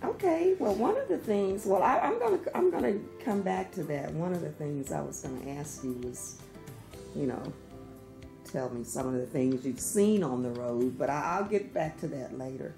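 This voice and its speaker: A woman interviewing a guest, asking meandering, halting questions. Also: low-pitched, lively intonation, gravelly, over music. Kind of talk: conversational interview.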